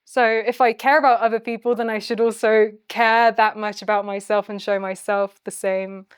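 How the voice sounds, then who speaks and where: A woman's voice: medium pitch, little pitch movement, moderate pace, clear, resonant tone, no echo, studio quality. A woman speaking in a reflective documentary interview, thinking things through with hesitations and restarts. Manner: thoughtful, hesitant, self-searching. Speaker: interviewee and docuseries assistant.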